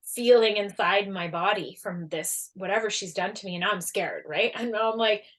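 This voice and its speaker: A woman telling a personal story as a guest in a casual interview, animated and full of fillers, acting out what people said. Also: medium pitch, moderate pace. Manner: animated, acts out quoted voices, many fillers. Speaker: guest, energy healer and coach.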